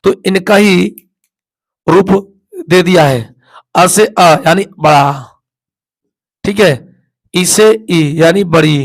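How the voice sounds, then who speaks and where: In this board lesson, a Hindi teacher with a high voice and vocal fry speaks slowly and pauses often. He keeps sounding out vowels and poses questions only to answer them himself.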